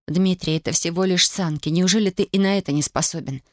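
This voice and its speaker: In a dry studio audiobook recording, a reader with a mid-range voice gives lightly acted, brisk life to a stubborn young woman grieving during wartime. The character sounds cold, insistent, and pleading.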